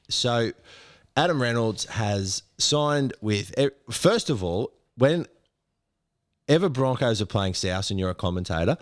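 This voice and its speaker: A man's voice: fairly low pitch, dry recording, clean studio sound. An Australian man co-hosting a casual sports chat while sick, grumbling in sarcastic rants. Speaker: podcast co-host.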